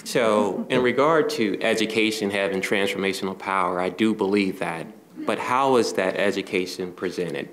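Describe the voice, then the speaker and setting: A man speaking deliberately as a panelist in a conference room. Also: on the low side, fairly bright tone, slight background noise. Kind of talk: panel discussion.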